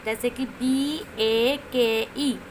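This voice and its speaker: A woman teacher, slowly sounding out letters and short words in a phonics lesson for children. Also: on the high side, steady tone. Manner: slow, sounding out letters one by one. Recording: noisy home recording.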